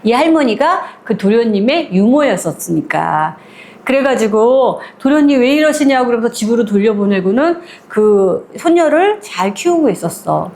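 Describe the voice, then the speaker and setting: Woman narrator, slightly high, relaxed conversational retelling of a story, lively with acted-out dialogue. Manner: lively, acts out the characters' lines in dialogue. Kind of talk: casual spoken retelling of a short story.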